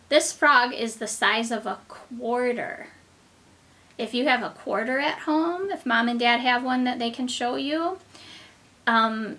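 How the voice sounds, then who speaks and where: Bright, slow woman reading to little children. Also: fairly high pitch. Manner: simple, child-directed phrasing, as if reading to a toddler. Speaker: kindergarten teacher. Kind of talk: reading a children's book aloud to young children, with asides and questions.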